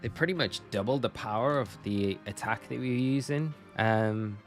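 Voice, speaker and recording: Talking at normal speed in a medium-pitched voice, a young man from Northumberland, England rambles casually with viewers during a live stream, catching and correcting himself. There's faint music in the background.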